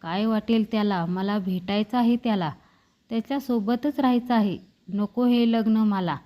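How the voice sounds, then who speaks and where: A woman voicing a young woman who pleads tearfully and speaks a little higher than her narration. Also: normal speed, dark tone, natural voice. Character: young woman, a politician's daughter, in love and pleading.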